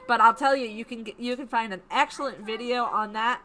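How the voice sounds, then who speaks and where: A woman co-hosting a homesteading live stream, chatting casually and excitedly, laughing often and repeating herself for emphasis. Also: on the high side, fairly quick. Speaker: homesteading channel co-host.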